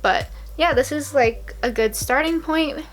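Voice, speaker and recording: A woman's voice: sits high, unhurried, soft background music. A young woman chatting casually through a hair tutorial at home, rambling and joking at her own expense. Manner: chatty, self-mocking, rambling asides. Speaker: beauty vlogger.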